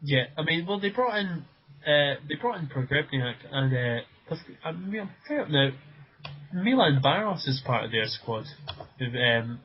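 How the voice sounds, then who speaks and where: A man's voice: on the high side, sing-song, normal speed, breathy edge. A man co-hosting a casual football podcast, often repeating words as he starts sentences. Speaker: podcast co-host. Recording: dull lo-fi podcast audio.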